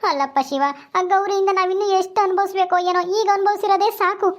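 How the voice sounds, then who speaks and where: A woman's voice: extremely high pitch, fast. A woman playing a wailing, scolding grandmother. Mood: bitter, grieving. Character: grieving grandmother, fierce toward the kidnapper. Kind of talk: village family drama acting.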